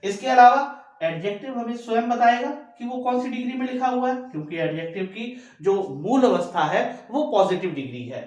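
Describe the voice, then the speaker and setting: A man's voice: extremely high pitch, expressive, a little fast, darkish tone. A man teaching English grammar, explaining step by step and repeating each key rule. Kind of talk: classroom-style grammar lesson. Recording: very echoey room.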